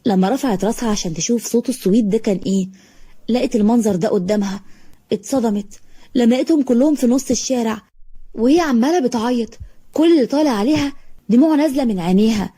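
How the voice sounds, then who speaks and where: Egyptian woman storyteller, quick, warm, slightly high. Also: husky. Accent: Egyptian Arabic. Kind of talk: scripted story narration.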